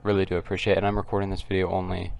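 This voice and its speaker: A man speaks in a quiet, low voice with a gravelly creak. He delivers casual, off-the-cuff commentary as a video host, often halting and circling back to repeat himself. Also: completely flat delivery. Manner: kept quiet, subdued because others are nearby. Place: at home, others nearby.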